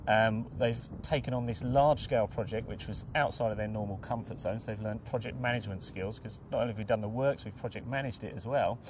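A brisk, upbeat man with an English accent rattles through his points quickly. His voice sits a little low and is picked up from some distance outdoors. A faint rumble of traffic hums behind. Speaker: contractor manager. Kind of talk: documentary interview.

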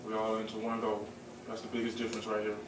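A man's voice: lowish voice, completely flat delivery, fast talker. Laid-back young man in an echoey room. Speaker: receiver at a press conference. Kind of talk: post-game press conference answers. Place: large echoey press room. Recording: echoey room, distant mic, background noise.

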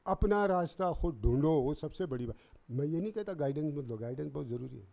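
A man giving a lecture on acting to students, animated, talking to the audience directly and acting out examples. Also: on the high side, brisk, gravelly. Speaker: acting teacher at a seminar.

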